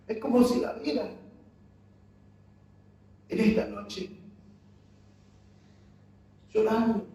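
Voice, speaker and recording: This pastor's sermon is impassioned and full of rhetorical questions aimed at the congregation, captured from a distant mic in a very echoey church hall with a little hiss or hum. He has a high, mellow voice with fairly even intonation, and he speaks very slowly.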